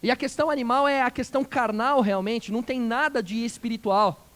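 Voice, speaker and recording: A male pastor preaching a sermon, asking the congregation questions and swinging between loud emphatic phrases and quiet dropped endings. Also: very high voice, brisk. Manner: asks the congregation rhetorical questions.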